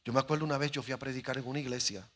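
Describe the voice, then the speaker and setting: A middle-aged pastor preaches into a handheld microphone, faint music behind him, telling a story with dramatic pacing and acting out the characters' voices. His mid-range voice races along with fairly even intonation and a fairly bright tone.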